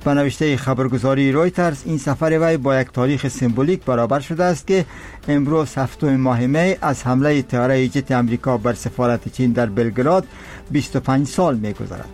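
A man with an Afghan accent reading a formal radio news bulletin in a measured delivery. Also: mid-range voice, a little mellow. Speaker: radio newsreader.

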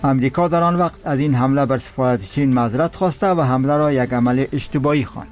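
A male newsreader with an Afghan accent presents a radio bulletin. His delivery is formal and measured, at a middling pitch, with music behind him.

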